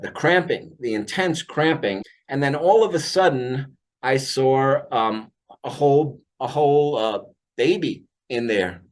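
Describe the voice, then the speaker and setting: A man working as an aura healer, telling about a client session in an unscripted monologue, halting with many fillers and restarts. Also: medium pitch.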